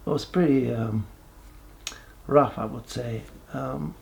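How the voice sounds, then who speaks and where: A man, giving a halting, reflective personal testimony with many pauses and restarts. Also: medium pitch, gravelly, a little mellow, a little hiss or hum. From Bulgaria. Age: 40s. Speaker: person sharing his life story.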